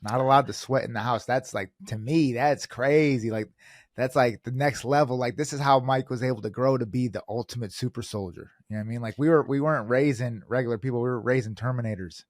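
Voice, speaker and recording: A male host in casual conversation, playful and quick to joke, leaning on "like" as he talks. His mid-pitched voice sounds close and dry. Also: dry recording. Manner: playful, joking, heavy use of "like". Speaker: podcast host. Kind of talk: casual interview chat.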